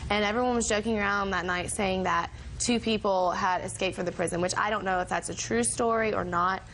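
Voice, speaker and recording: A woman's voice: mid-range voice, steady tone, brisk, fairly bright tone. A young woman testifying in a TV court, earnestly and defensively explaining herself. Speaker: litigant in TV court. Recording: slightly noisy courtroom audio.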